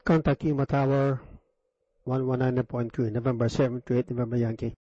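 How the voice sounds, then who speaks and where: A man's voice: mid-range voice, level tone, a little fast, dark tone, no room sound, highs cut off. A man speaking as a pilot over a cockpit headset radio, giving clipped readbacks of aviation instructions.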